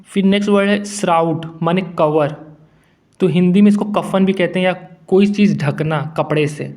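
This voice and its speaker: A man teaching English vocabulary in a relaxed, conversational way, mixing English words into his Hindi. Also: high-pitched, moderate pace. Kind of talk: casual explanatory lesson.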